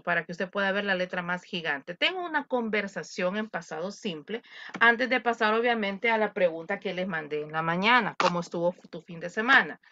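A woman teaching English in an online class, modeling phrases slowly with careful intonation. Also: medium pitch, pushed and bright, no room sound. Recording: dull lo-fi dry recording.

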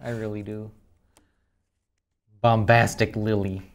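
A young man in casual, slangy chat while opening trading cards, halting as he reads out names. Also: lowish voice, little pitch movement. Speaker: card box opening host. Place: indoors at a tabletop.

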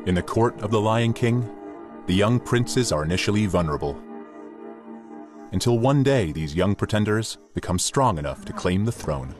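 A man's voice: lowish voice, lively intonation, moderate pace, music in the background. A man reading scripted nature documentary narration.

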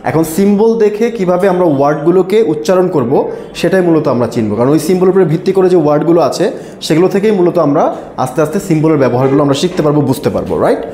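A man's voice: on the high side, very fast, warm tone, slight background noise. A man with a Bangladeshi Bengali accent teaching English pronunciation to a live class. He quizzes the students and has them repeat words after him. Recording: echoey classroom.

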